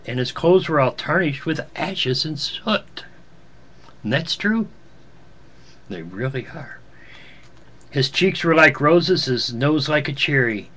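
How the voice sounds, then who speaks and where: A man's voice: mid-range voice, bright, forceful tone. A man playing Santa Claus as a jolly, kindly old man, telling a Christmas story in a folksy, jovial manner. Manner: jovial, folksy, chuckling asides. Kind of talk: storytelling, reading a Christmas poem aloud.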